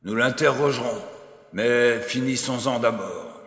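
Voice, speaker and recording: Guy reading a dry stern judge, gravelly, echoey room. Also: mid-range voice, measured pace, a bit bright, natural voice. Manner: stern, authoritative. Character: stern, ironic middle-aged male court president. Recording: echoey room with long reverb.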